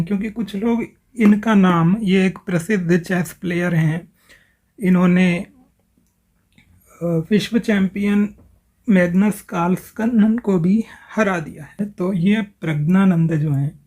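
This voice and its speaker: A man calmly explains pronunciation in a tutorial, slowing down to spell out sounds. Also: high-pitched. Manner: careful, slows to spell out sounds. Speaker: language explainer. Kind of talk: explanatory tutorial, reading from screen.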